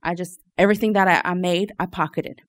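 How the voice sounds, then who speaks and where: A woman's voice: lowish voice, fairly even intonation, quick pace. A woman from Louisiana giving an informal personal testimony to a group, hesitant and often searching for her words. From Louisiana, United States. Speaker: church member giving testimony.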